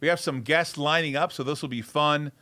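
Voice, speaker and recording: A man hosts a casual livestream, chatting in an excitable, rambling way. His voice is bright and forceful and sits a little high for a man. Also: fairly quick. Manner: excitable, rambling, repeats words. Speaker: show host.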